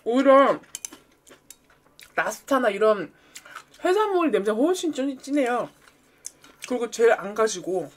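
A woman's voice: a little high, very animated, a little slow, long pauses. A young woman chatting casually with viewers as a streamer, talking between bites of food. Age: young adult. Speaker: mukbang streamer and host. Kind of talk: casual chat with viewers while eating. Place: small furnished room at home, indoors. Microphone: studio microphone on a boom arm.

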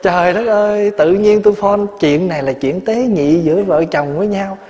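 A man in his forties with a Southern Vietnamese accent giving a dharma talk in a temple hall, telling stories in a lively way and often laughing. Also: high voice, moderate pace. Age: 40s. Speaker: Buddhist monk and abbot. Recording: long hall reverb.

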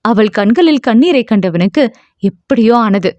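A woman narrating a novel in a steady storytelling manner. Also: on the high side, moderate pace, no room sound, dull audio. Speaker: audiobook narrator. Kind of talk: scripted narration.

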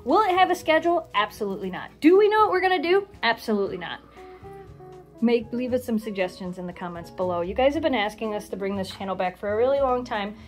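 A woman in her forties talks casually to a handheld phone camera in her home kitchen. Her fairly high voice swings up and down in lively, playful questions. Faint music plays underneath. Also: quick pace. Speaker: vlogger filming at home.

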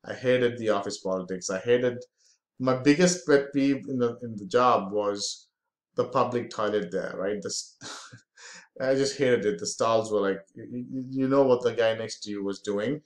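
A man's voice: medium pitch, moderate pace, echoey room. A man in his forties, from India, giving a casual, filler-heavy screen-share tutorial on online marketing.

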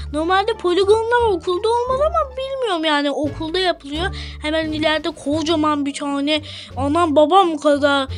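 A young woman narrating a playful Minecraft role-play vlog, chatty and always addressing her viewers. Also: high-pitched.

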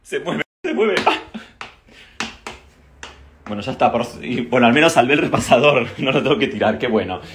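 With a mid-range, slightly bright voice, lively intonation, a moderate pace, and long pauses, this Argentine vlogger in his thirties sounds reverberant. He casually addresses followers from home, mostly in the kitchen, in a dramatic, exclamatory manner, often repeating himself. The recording is a noisy handheld phone capture at varying short distances.

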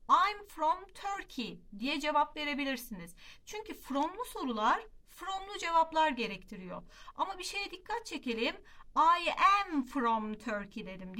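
A woman teaching a classroom lesson, explaining patiently and slowing down to model example phrases, often asking rhetorical questions. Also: high voice, bright, forceful tone. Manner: slow emphatic modeling of English example phrases. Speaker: English teacher.

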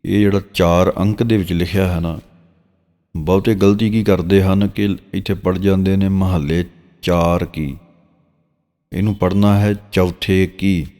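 A man with a Punjabi accent, teaching the correct pronunciation of scripture and slowly drawing out each verse he recites. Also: low voice, steady tone, dark tone. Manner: slow, drawn-out recitation of verses between explanations. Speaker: Gurbani teacher. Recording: long reverb.

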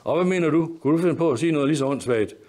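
A man's voice: a little high, expressive, a little mellow, voice pushed up, close to an everyday voice. A man reading aloud voicing an indignant, moralizing middle-aged mother who scolds in a raised voice. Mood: scolding. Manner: scolding, outraged.

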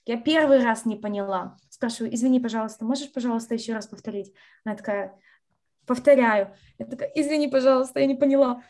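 Speaking quickly in a slightly high voice, a young Russian university graduate appears as an interview guest over video from her bright home. She's an animated storyteller who performs the quotes she shares and mixes English words into her speech.

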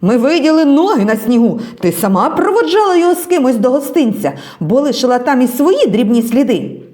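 A woman's voice: high voice, big pitch swings, brisk, a little mellow, pitched above the performer's own voice. A woman reading the lines of harsh wartime policemen, men who bark accusations. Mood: accusing.

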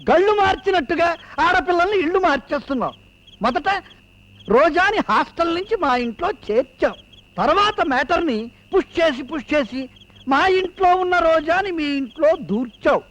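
A man's voice: very high-pitched, expressive, brisk, a bit bright, rough recording. An actor playing a mocking, carefree male neighbor who talks in a sing-song way. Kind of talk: film dialogue.

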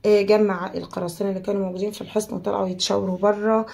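Egyptian teacher, young woman, warm low tone, steady word-by-word explanations for students. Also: very fast, creaky. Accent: Egyptian Arabic. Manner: explains word by word, mixing English terms into Arabic. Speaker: English teacher. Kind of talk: vocabulary lesson.

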